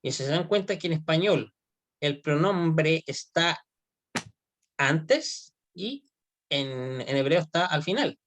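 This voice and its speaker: A man teaching Hebrew grammar in an online class. He speaks at an unhurried pace and keeps pausing to make sure his students are following. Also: on the high side, expressive, fairly bright tone. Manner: explains slowly, often checks with "¿ya?".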